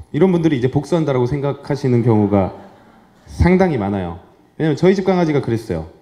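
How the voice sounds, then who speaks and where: A man in his thirties, a veterinarian giving a lively, joking talk to an audience and acting out dogs and owners. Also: mid-range voice. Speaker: veterinarian giving a public lecture. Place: lecture hall with a live audience.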